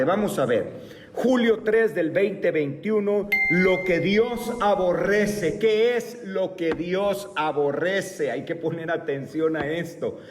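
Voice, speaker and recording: A man in his fifties teaching a church Bible class, speaking deliberately and asking the class rhetorical questions. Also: fairly high pitch. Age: 50s. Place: church meeting room. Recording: echoey hall, mic far off.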